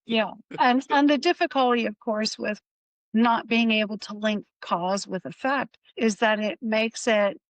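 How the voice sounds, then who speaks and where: A woman's voice: on the high side, unhurried, no room sound, dull audio. A woman hosting an interview podcast, explaining in an earnest way and often restarting her words. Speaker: podcast host. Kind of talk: conversational interview.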